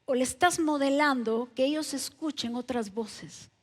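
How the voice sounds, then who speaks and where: High-voiced woman preaching a sermon. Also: a little slow. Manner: emphatic preaching, many direct questions to the congregation. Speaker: pastor. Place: church. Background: soft keyboard music.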